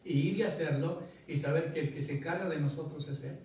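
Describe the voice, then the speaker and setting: A man's voice: a little high, fast talker, a little mellow, slight background noise. Echoey preacher man, heard from afar. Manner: storytelling preacher, rising to emphatic bursts. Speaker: pastor. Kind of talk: sermon. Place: church sanctuary. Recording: echoey church hall, from a distance.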